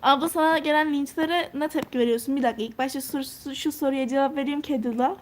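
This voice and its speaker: A woman's voice: high voice, fairly even intonation, fast talker, slight background noise. A teenage girl live-streaming, chatting casually as she reads out and answers viewer comments while touring her game house. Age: teens.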